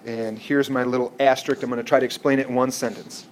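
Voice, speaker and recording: In this classroom algebra lecture, a male math teacher talks at a quick pace with medium pitch and fairly even intonation. A little hiss or hum sits under the recording as he explains step by step, frequently making sure the class keeps up.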